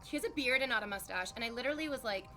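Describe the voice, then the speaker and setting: A streamer in her thirties chats casually with her viewers and live chat, rambling frankly and saying "like" constantly. Her slightly high voice is animated and rapid-fire, with music playing underneath.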